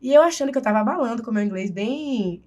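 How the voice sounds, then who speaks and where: A woman with a Bahian Brazilian accent, chatting on a podcast as co-host and telling lively stories. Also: a little high, fast talker. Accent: Bahian Brazilian Portuguese. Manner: animated storyteller who acts out quoted voices. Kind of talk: casual podcast chat.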